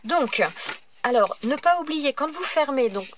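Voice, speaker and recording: A woman's voice: high voice, expressive, a little slow, slight background noise. A woman hosting a paper craft tutorial, talking casually and hesitantly, with many fillers and self-corrections as she works at her table. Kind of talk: casual step-by-step craft demonstration.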